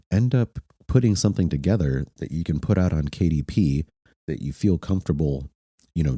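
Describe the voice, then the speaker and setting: A man's voice: very deep voice, mellow, slightly rough, no echo, clean studio sound. A man with a congested, stuffy-nosed voice who sounds sick, hosting a casual chat in a hesitant, loosely conversational way. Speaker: podcast host. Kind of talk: casual online group chat.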